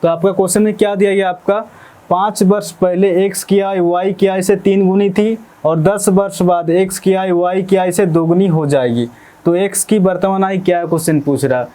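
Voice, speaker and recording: A male maths teacher with a fairly high-pitched voice. His tone is soft and dark rather than bright. He works through exam problems step by step, repeating phrases and checking in with students again and again. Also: steady tone, moderate pace. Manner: explains step by step, repeats phrases, asks "ठीक है?" often. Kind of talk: exam-prep maths lesson.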